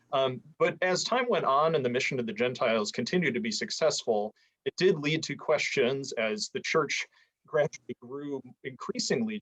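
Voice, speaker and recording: A man's voice: mid-range voice, fairly bright tone, low-quality recording. A man teaching an adult education class over a video call from a church, his audio volume uneven and often dropping out. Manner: stumbling restarts, easygoing. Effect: audio volume uneven, keeps dropping out. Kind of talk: online church history lecture. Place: inside a church.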